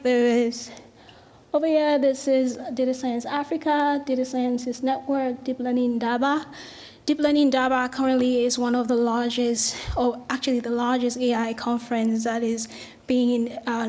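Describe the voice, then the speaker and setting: A woman's voice: fairly high pitch, a little mellow. A middle-aged woman from Cameroon, giving an earnest academic lecture with slides and small restarts. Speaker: researcher giving a talk.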